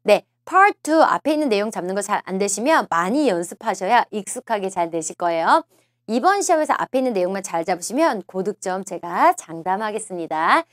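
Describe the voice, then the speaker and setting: Lively woman teaching an exam class. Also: mid-range voice, fairly quick, no echo. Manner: lively, coaxing, repeats key phrases and asks the class questions. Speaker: TOEIC listening instructor. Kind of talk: exam-prep lecture.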